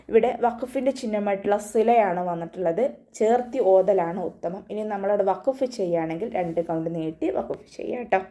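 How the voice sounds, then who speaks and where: A woman teaching an online Quran recitation class, patiently explaining each sound step by step and chanting sample verses slowly in between. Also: mid-range voice, mellow. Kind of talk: online tajweed lesson.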